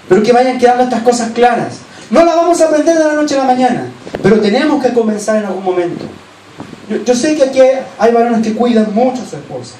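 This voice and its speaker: A man with a Chilean accent preaching a sermon as pastor, earnestly urging his listeners, then dropping to soft, low asides. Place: church hall. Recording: echoey church hall, distant mic, faint hiss.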